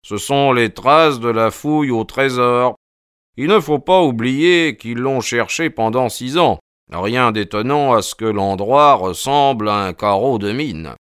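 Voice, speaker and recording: A man voicing a calm, firm male detective for an audiobook, slightly above his own pitch. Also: measured pace, clear, resonant tone, no echo, studio quality, natural voice. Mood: explaining. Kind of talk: audiobook character voice.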